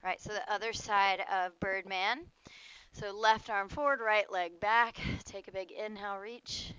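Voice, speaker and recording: Female yoga instructor, casual and playful, cueing moves and breath in short phrases; crisp, bright voice, dry sound. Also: medium pitch, steady tone, unhurried, no room sound, lo-fi sound. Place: outdoors.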